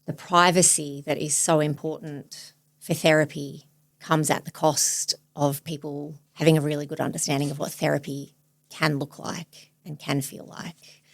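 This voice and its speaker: A woman in her forties, a therapist hosting a podcast, speaking thoughtfully and searchingly in a soft, reflective way. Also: deep voice, level tone, moderate pace, gravelly, no room sound. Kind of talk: reflective therapy demonstration chat.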